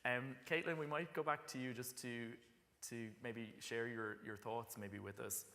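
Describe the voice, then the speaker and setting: A man's voice: mid-range voice, fairly even intonation, measured pace, sharp tone. A man, moderating a panel in unscripted speech. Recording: echoey hall with long reverb.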